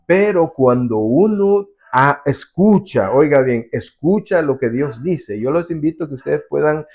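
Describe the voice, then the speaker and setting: A man's voice: on the high side, lively intonation, unhurried, a little mellow. A man preaching a sermon as pastor, earnestly, acting out the voices of the people in his stories.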